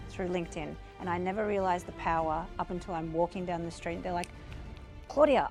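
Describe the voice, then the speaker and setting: A woman with an Australian accent, a real estate agent, earnestly telling an audience a sales story. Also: fairly low pitch. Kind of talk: speaking to an audience.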